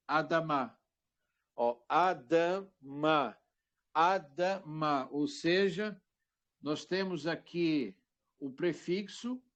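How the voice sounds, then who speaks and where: Slow, patient man teaching. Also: fairly high pitch. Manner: patient, repeats words slowly, points things out. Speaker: Hebrew teacher. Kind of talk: online language class. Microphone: microphone.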